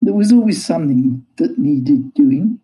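Older Yorkshire-born woman, a measured storyteller, very slow delivery. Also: low-pitched, animated, warm tone, poor audio. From Yorkshire, England. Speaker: guest, cookbook author. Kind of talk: interview over a call.

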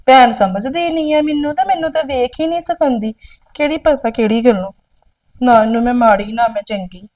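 A woman's voice: on the high side, a little fast, darkish tone, close to an everyday voice. A woman playing an exasperated elder sister, scolding her younger sibling in a village drama. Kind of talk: village short film acting.

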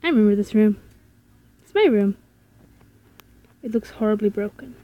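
A woman's voice: medium pitch, lively intonation, moderate pace, highs cut off. Woman thinking aloud over a horror game. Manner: hesitant, thinking aloud with fillers. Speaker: gamer playing a horror game. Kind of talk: let's play commentary.

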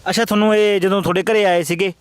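A pushy, probing journalist, played by a man in a mock interview. His voice is high and quick, clear and dry, and he keeps pressing for answers. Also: steady tone, no room sound, close to an everyday voice. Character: pushy street journalist questioning a quarrelling couple.

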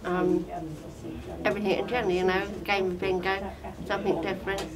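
A woman's voice: mid-range voice, little pitch movement, a little fast, over a noisy crowd. An older woman, a bingo customer, chatting casually as she is interviewed. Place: small indoor room, seated interview.

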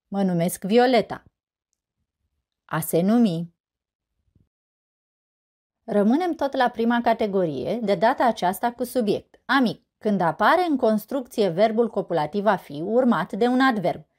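A Romanian-accented woman reading a scripted grammar lesson, asking and answering her own questions in a clear, measured way. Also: mid-range voice, a little mellow. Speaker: teacher presenting a grammar lesson.

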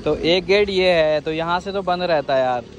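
A man's voice: fairly high pitch, moderate pace. A young man from India filming a casual vlog outdoors on his phone, chatting and teasing his friend as he walks around. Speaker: vlogger. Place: outdoors at a hillside restaurant and park. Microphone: handheld phone. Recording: outdoor phone audio with clear background noise.

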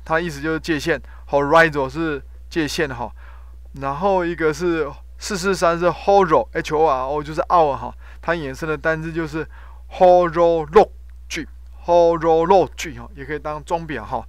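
Male professor, higher voice, dry close sound, drills pronunciation by repetition. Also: normal speed, no echo. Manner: drills pronunciation by loudly repeating words, frequent "ha" tag. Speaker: professor teaching English word roots. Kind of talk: classroom vocabulary lesson.

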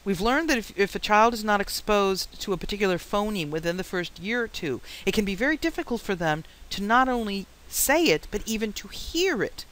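A woman teaching a psychology lecture, explaining points with anecdotes and deliberately varying her pitch, pace and loudness. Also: lively intonation, rough recording. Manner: varies pitch, rate and loudness on purpose. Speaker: psychology instructor. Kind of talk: classroom lecture.

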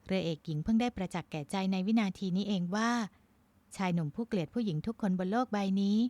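A woman from Thailand narrating a romance novel in a measured, even storytelling voice. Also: medium pitch, no echo. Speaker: audiobook narrator.

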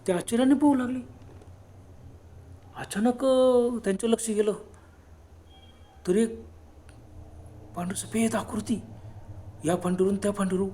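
A man narrating a ghost story in a dramatic, unhurried way, with exclamations. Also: high voice, steady tone, warm tone. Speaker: storyteller, channel host.

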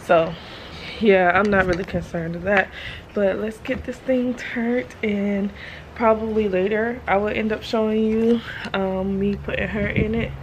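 A woman's voice: medium pitch, fairly even intonation, measured pace, slight background noise. A woman talking casually in a family vlog, chatty and rambling with slangy asides, filmed in and around her van on a tripod camera. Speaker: mom vlogger.

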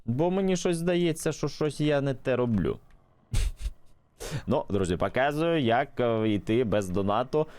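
A man's voice: lowish voice, a little mellow, dry recording. A man chatting casually to viewers while playing a mobile game, thinking aloud and reacting as he goes. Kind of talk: casual gameplay commentary to viewers.

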